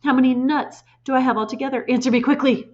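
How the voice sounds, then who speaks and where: A storybook tyrant of a headmistress roars and snaps insults at a pupil, as a woman puts her on. The voice rides high and harsh. The sound is a little muffled. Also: a little fast, natural voice. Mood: furious. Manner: shouting, snapping insults. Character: bullying furious female headmistress.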